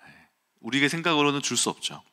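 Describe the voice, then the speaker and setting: A man preaching an early-morning sermon, telling a personal story in an animated way and acting out quotes and sounds. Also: medium pitch, quick pace.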